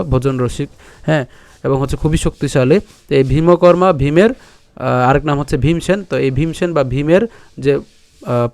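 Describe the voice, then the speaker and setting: A man teaching a scripture class, slowly breaking verses into syllables and chanting them, often pausing to ask and answer his own questions. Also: fairly high pitch, a little mellow, dry recording. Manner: repeats "ঠিক আছে" and asks himself questions. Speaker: Gita teacher. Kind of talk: recitation lesson on Sanskrit pronunciation.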